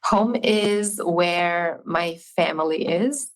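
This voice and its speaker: An Albanian woman, guesting on a podcast over a video call, speaks directly and emphatically about her views in a casual interview. Her voice is on the low side and slow, and the audio quality is poor.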